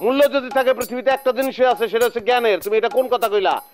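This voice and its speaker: A pompous know-it-all teacher. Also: male voice, extremely high pitch, quick pace, soft background music. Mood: lecturing. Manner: pompous, lecturing, keeps asking "understood?". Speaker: self-styled teacher lecturing at a tea stall. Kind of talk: TV comedy drama acting.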